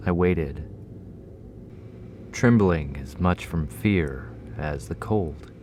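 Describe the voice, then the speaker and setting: A man with a very deep voice narrates a first-person horror story in a steady, measured tone. A faint hiss sits under his reading.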